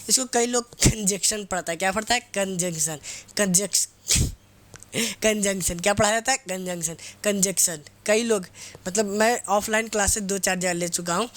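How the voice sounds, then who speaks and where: With a high-pitched, fairly bright voice, this male teacher runs a casual grammar lesson. He keeps asking questions only to answer them himself, repeats key words, and teases his students with playful scolding.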